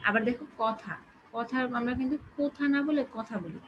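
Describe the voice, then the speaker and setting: A woman with a Bangladeshi Bengali accent teaches an online class, speaking at a moderate pace in a fairly high voice. She explains things step by step and keeps her students answering questions. The call audio is dull and lo-fi, with background noise.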